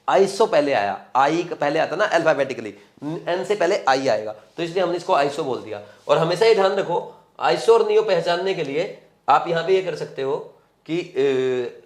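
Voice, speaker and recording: A male chemistry teacher with a somewhat high voice leads a class, working through the material step by step. He speaks with English technical terms mixed in and keeps pausing to ask whether the students have understood. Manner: explains step by step, often checking if students follow. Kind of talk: classroom lecture at a board.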